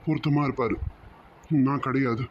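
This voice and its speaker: A man voicing a heartbroken young man who speaks slowly and hesitantly, on a dull lo-fi cartoon recording. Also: medium pitch, fairly even intonation, slight background noise, voice pushed down, natural voice. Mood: sad. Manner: slow, hesitant, halting.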